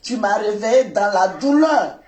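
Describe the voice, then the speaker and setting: A man hosting a live stream, speaking calmly and soothingly and repeating himself. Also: high-pitched, measured pace, roomy sound, rough recording.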